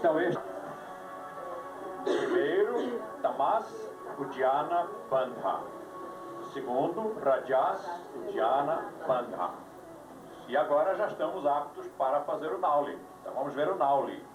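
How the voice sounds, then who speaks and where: A man's voice: a little high, lively intonation, unhurried, pauses often. A man leading a live yoga class, giving instructions with dry jokes, heard on an old VHS tape recording. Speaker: yoga teacher. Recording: echoey room, voice from far off, music behind, old VHS tape.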